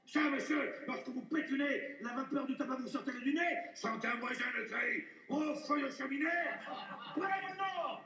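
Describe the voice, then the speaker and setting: A man's voice: very high-pitched, expressive, unhurried, a bit bright, heavily acted. An actor playing a proud, witty swordsman-poet who mocks rivals, declaiming classical verse like a hammy stage actor. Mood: flamboyant, mocking. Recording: roomy echoing stage, distant microphone.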